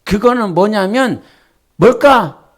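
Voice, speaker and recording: A middle-aged male pastor preaching in a church, talking to the congregation in a conversational way, with quiet asides and loud emphatic calls. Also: high voice, animated, slow pace. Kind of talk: sermon. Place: church sanctuary.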